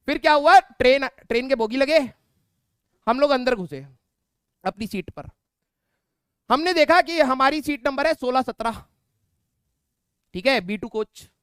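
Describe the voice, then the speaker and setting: A young male teacher spins a lighthearted anecdote for his students, chatting loosely and dropping a "theek hai" after many lines. His voice is smooth and clear, with a dry, close sound. He chuckles at his own tale now and then. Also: very high voice, animated, unhurried, long pauses, fairly bright tone, no room sound. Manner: laughs at his own story. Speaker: physics teacher. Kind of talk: casual anecdote told to a class.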